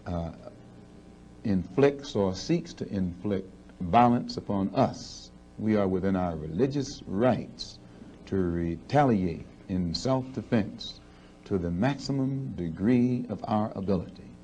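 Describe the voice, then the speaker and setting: Deep, mellow man, firm and precise. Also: slight background noise. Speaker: spokesman for a religious movement. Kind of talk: measured, articulate advocacy in an interview.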